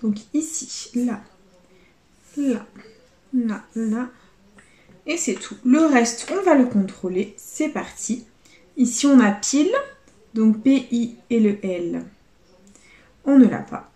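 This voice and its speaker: A young adult woman commenting casually to her viewers as she scratches lottery tickets, spelling out letters and swinging between dread and excitement. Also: fairly high pitch, slow pace, pauses often, echoey room.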